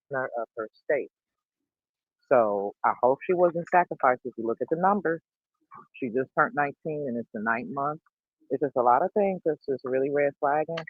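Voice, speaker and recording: A woman calling in to a live talk stream, muffled as if heard through a wall, speaking in a hushed, careful way while sneaking a call at work. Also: low-pitched, no echo. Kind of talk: casual call-in chat. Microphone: Bluetooth headset on a phone call. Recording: muffled, tinny Bluetooth phone line.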